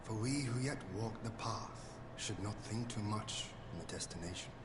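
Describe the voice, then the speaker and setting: An actor playing a noble, earnest young warrior lord in a game cutscene, with formal, archaic, measured phrasing. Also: male voice, lowish voice, lightly acted. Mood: solemn, tender. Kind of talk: dramatic game cutscene acting. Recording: game audio with clear background noise.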